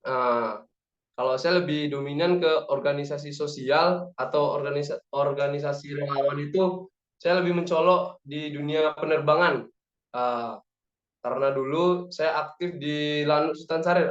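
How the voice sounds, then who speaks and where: Speaking at a moderate pace in a slightly high voice, a twenty-something aviation cadet from Padang, Indonesia, gives a casual talk as a guest in an online meeting. He is easygoing and talkative, cheering on the audience, over dull, lo-fi audio with a roomy echo.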